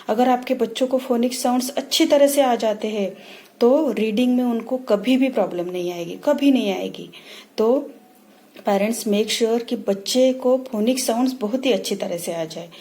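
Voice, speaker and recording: A woman teacher giving a phonics lesson to parents, saying each letter sound slowly and repeating it. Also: fairly high pitch, warm tone. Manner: slow, repeats sounds for practice.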